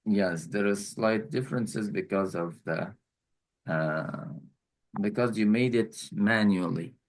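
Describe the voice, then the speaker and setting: A man teaching an online class, slowly walking students through challenges and repeating key points. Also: lowish voice. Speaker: instructor.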